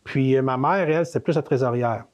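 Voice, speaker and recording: In a casual interview, a man in his fifties who co-owns a manor tells family stories in a Quebec French accent, restarting often and using plenty of fillers. He talks fairly quickly in a mid-range, darkish voice.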